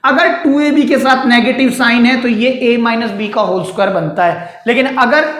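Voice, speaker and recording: A man's voice: very high voice, moderate pace, fairly bright tone. A man teaching a maths lesson at a board, explaining step by step and putting questions to his students, then answering them himself. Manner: calls students "beta" and "sir". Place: classroom with a board. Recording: echoey room.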